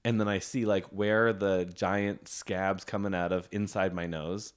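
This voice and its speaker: A young man co-hosting a podcast in casual chat, rambling and laughing often, with loud bursts when he jokes. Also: deep voice, little pitch movement, a little slow, clean tone. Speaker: podcast co-host.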